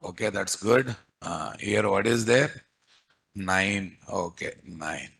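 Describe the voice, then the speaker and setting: Gravelly Telugu-accented man teaching coding. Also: deep voice, slow pace, fairly bright tone. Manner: repeats himself, peppers students with questions. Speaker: programming instructor. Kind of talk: live coding lesson to students.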